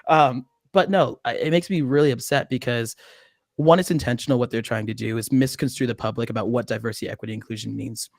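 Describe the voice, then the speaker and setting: A man's voice: medium pitch, fairly even intonation, fast talker, gravelly, dry recording, studio quality. Earnest young man on a video call. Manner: earnest and explanatory, laughs often. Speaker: medical student guest. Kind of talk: casual interview by video call. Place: small indoor room. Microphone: studio mic with headphones on video call.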